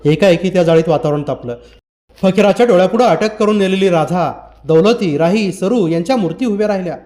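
A man reads a novel aloud in a measured, literary way. His voice sits high for a man, and he paces the descriptive passages steadily. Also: warm tone. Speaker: audiobook narrator. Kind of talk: scripted novel narration.

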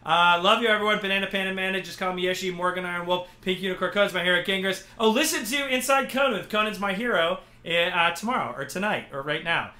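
A man hosting a casual livestream while gaming, excitable and given to swearing and yelling at the game. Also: sits high, fast, hardly any pauses, roomy sound. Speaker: streamer host.

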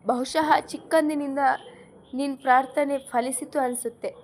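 A woman reading an audiobook story, voicing a lively young married woman with a bubbly, teasing manner. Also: high voice, measured pace, a little hiss or hum. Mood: happy.

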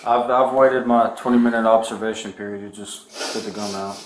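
Firm low-voiced police officer. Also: male voice, brisk. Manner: calm, firm and repetitive. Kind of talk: arrest procedure. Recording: echoey room with background noise.

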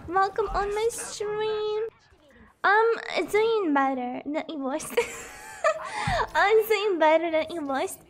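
Super high-pitched girl gaming on stream, slow and giggly, kinda sick with a cough, noisy background. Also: very animated. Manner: giggly, greets viewers, yelps during fights. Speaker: game streamer. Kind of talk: casual gaming stream chat.

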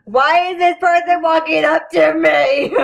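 A woman's voice: very high-pitched, fairly even intonation, slow pace, creaky. A teenage girl hosting a casual best friend tag video, teasing and giggly as she reads the questions. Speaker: channel host.

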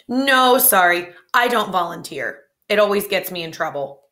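A woman's voice: mid-range voice, lively intonation, moderate pace, bright, forceful tone. A woman voicing a chatty, nervous young schoolboy who rambles on. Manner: rambling, jittery talk.

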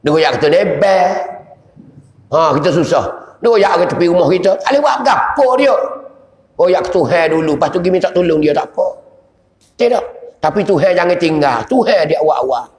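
A male religious teacher with a Patani Malay accent preaches in a high-pitched voice. He lilts through his sermon in a chanting, prayer-like rhythm and now and then breaks into shouts. The recording is washed in the long echo of a large hall. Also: expressive, brisk. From southern Thailand. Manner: sing-song prayer-like cadence with repeated invocations, bursts of shouting. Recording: echoey hall with long reverb.

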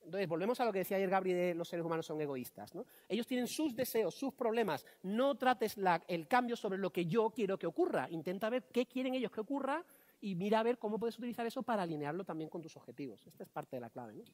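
A man from giving a conference talk, joking and animated with quick asides. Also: high voice. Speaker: conference speaker.

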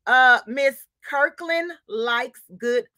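A woman's voice: sits high, very slow, bright, forceful tone, dry recording, clean studio sound. A woman hosting a sewing livestream, greeting viewers one by one in a chatty, laughing, scattered way and calling each one queen. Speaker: livestream host of a sewing channel.

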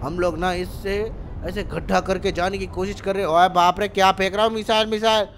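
A young man commentating gameplay excitedly, full of loud exclamations. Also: high-pitched, fairly quick, a little hiss or hum. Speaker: gaming channel host.

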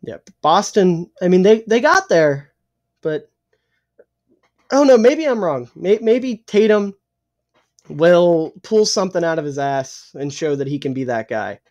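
A young man co-hosting a casual sports podcast, opinionated and swearing freely, a little hoarse and clearing his throat. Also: high-pitched, expressive, measured pace, a little mellow, muffled recording. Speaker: podcast co-host.

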